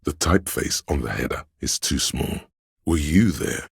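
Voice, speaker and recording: Playing a video game's inner voice of police camaraderie, a man narrates in a rumbling low, gravelly and husky tone, grave and all-knowing. The narration is solemn, measured and literary, yet his intonation is lively in a full character voice, with a brooding mood. The studio sound is clean, with no echo.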